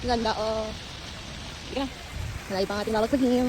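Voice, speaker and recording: A woman vlogging on a climb up long outdoor stairs, chatty and animated, out of breath, mixing in English and laughing often. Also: fairly high pitch, a little fast. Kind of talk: casual travel vlog chat. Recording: outdoor phone audio with clear background noise.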